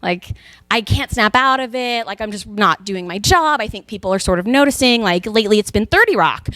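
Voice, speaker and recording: A young woman from Texas doing a stand-up comedy routine, telling animated stories and slipping into character voices. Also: mid-range voice, a little fast, no echo.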